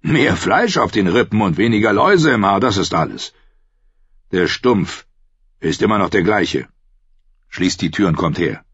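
A man's voice: lowish voice, expressive, a little slow, pauses often, a bit bright, slightly rough, dry recording, full character voice. A man reading an audiobook, voicing a cynical, mocking one-handed knight in a dry, sardonic way. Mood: teasing. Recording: dry, slightly dull studio audio.

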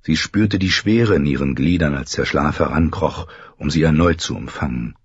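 A man with a very deep, husky voice reads a fantasy story at an unhurried pace. The recording is dry and close, a little muffled in the highs, and his delivery stays measured and even. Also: no room sound. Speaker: audiobook narrator. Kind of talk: scripted fantasy narration.

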